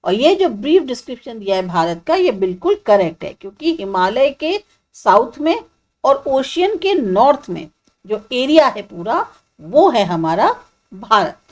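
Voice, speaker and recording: A woman's voice: fairly high pitch, big pitch swings, a little slow, a little mellow. A woman teacher explaining a social science textbook chapter step by step, asking students questions and mixing in English terms.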